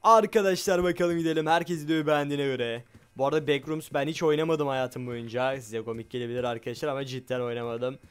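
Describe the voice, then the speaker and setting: A man giving excitable let's play commentary on a game, loud and jumpy, swearing often and talking straight to his viewers. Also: medium pitch, fast, few pauses, clear, resonant tone. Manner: loud, shouts a lot. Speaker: gaming YouTuber.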